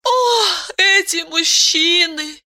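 A woman reading an audiobook, voicing a tender, teasing otherworldly young wife who coos softly and playfully. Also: very high-pitched, lively intonation, takes it slowly, pitched above the performer's own voice, exaggerated voice. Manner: soft cooing, playful.

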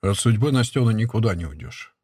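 Reader doing a bitter bearded deserter, curt and husky, mid pitch. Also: male voice, lively intonation, fairly quick, warm tone, dry recording, clean studio sound. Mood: brooding. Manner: low, curt and brooding. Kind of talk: audiobook character reading.

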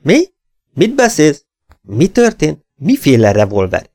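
Man playing a villain corporal, hot-tempered, blustering, raised pitch, dry sound. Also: huge pitch swings, dark tone, no room sound, heavily acted. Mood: outraged. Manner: angry, blustering.

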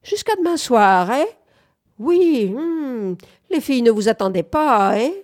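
A woman voicing a sarcastic old farmer who mumbles and mocks, a little higher and louder than her own voice. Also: expressive, unhurried. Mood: teasing. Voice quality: mumbling, sly, caustic.

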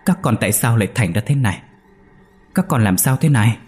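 A man's voice: medium pitch, expressive, fairly quick, slightly rough, soft background music. A man voicing a grieving old village landlord who cries out in anguish. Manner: anguished shouting.

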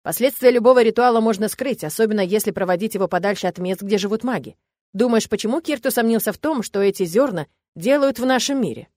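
A woman's voice: mid-range voice, fast, a little mellow, no room sound, pitched above the performer's own voice, natural voice. A woman voicing a stern, curt male academy rector in a fantasy audiobook.

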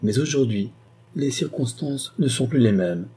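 A man voicing a scheming young governess who talks in a measured, pointed way, in an audiobook reading. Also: medium pitch, lively intonation, mellow, husky. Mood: earnest. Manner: measured, pointed, deliberately detaching words.

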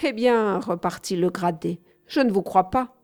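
A woman's voice: mid-range voice, unhurried, darkish tone, soft background music, close to an everyday voice. A woman voicing a pompous male police sergeant in an audiobook reading, emphatic and self-important. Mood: stern.

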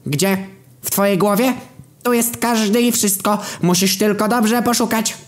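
A man voicing a cynical, unhinged male friend with angel blood, who speaks flatly and bluntly. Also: high-pitched, measured pace, voice pushed up. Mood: cryptic. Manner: flat and matter-of-fact, even about violence. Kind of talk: storytelling.

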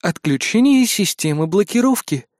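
A man's voice: sits high, animated, normal speed, darkish tone, dry recording, studio quality, voice pushed up. A man voicing a cool female computer system voice making clipped announcements in an audiobook. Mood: alarm.

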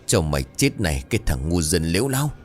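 A man's voice: low-pitched, very animated, a little fast, a little mellow, soft background music. A man voicing a cruel old village elder who gloats and snarls menacingly. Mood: snarling. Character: vicious old village elder working a curse.

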